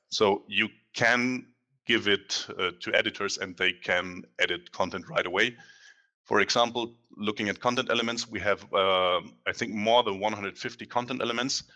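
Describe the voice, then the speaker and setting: Presenting at an online meetup, a German man demos software casually through a headset, his lowish voice sounding bright. The setting is a dim room indoors in front of a large screen, and his conversational delivery is marked by frequent "um" pauses and self-corrections.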